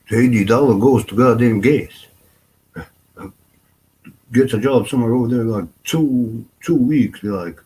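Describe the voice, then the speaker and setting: A man's voice: lowish voice, mellow, breathy edge, poor audio. A man talking in a rambling personal vlog, full of fillers, restarts and frequent swearing.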